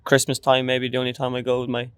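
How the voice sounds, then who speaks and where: Young male street interviewee, Irish accent, laid-back and noncommittal, fairly monotone, close dry sound. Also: mid-range voice, fast talker, clean tone, no room sound. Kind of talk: casual chat.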